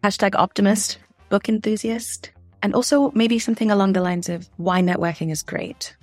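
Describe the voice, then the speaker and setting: A young adult woman answering podcast interview questions in a candid, chatty way with quick asides. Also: mid-range voice, fairly even intonation, no room sound, faint music behind. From grew up in the Philippines, the States and Tunisia. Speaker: guest, diversity and inclusion consultant.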